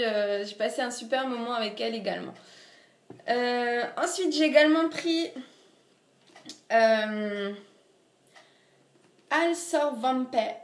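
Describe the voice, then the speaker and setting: A young woman with an Alsatian accent talks in a high, bright voice, chatty and full of little hesitations. She pokes fun at herself as she shows off her books. The sound is roomy and echoey. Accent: Alsatian French. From Alsace, France. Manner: chatty, many fillers, self-mocking. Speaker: book vlogger. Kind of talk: casual book haul vlog. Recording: echoey room.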